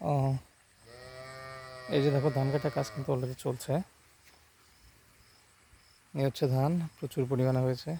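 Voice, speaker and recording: A man's voice: medium pitch, flat delivery, moderate pace, creaky, pauses often, warm tone, a little hiss or hum, poor audio. A young man with a Khulna Bengali accent, chatting casually as he walks outdoors through a village and coaxes the animals. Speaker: village vlogger. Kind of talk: casual walking vlog. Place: village outdoors, fields and pond.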